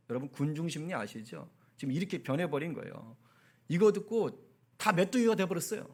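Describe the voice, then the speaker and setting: A male pastor preaching a sermon in a lively, conversational way, with asides to the congregation. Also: sits high.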